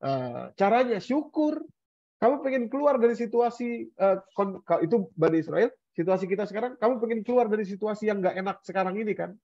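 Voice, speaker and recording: A man giving an Islamic study sermon, speaking in an animated way and acting out the complaints of older people. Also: high-pitched, a little fast, dry recording, lo-fi sound. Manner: animated, acts out complaints of the elderly. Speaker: Islamic preacher.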